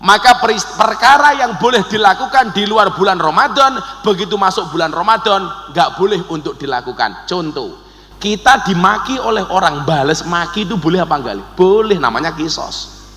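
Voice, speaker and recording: A middle-aged man with a Javanese accent preaching a humorous sermon to a congregation, joking and chanting verses slowly. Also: sits high, animated, pushed and bright. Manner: jokey, switches between Indonesian and Javanese, chants verses slowly. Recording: long hall reverb.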